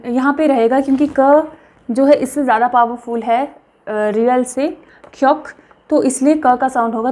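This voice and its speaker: Slow, high-voiced woman teacher. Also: darkish tone. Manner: slow, repeats words for practice. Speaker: language teacher. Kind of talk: whiteboard language lesson.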